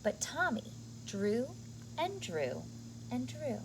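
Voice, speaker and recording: Her fairly high voice carries a picture book story for young kids, read with expression and care and dotted with comments to the listeners. There is noise in the background.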